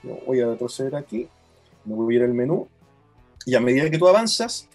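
A man's voice: mid-range voice, sing-song, brisk, a little mellow, faint music behind. A man, an app co-founder, patiently explaining how a product works in a demo.

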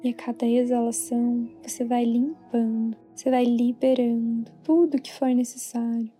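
A Brazilian woman guiding a sleep meditation in a soothing, hushed, spa-like manner. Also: a little high, level tone, normal speed. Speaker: meditation guide. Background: soft background music.

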